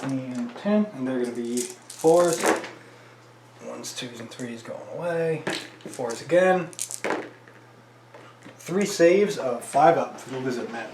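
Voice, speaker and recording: A man's voice: medium pitch, slow, long pauses, reverberant, noisy background. A man playing a tabletop wargame, counting dice aloud and talking casually to viewers as he plays. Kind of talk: casual play-by-play of a tabletop battle.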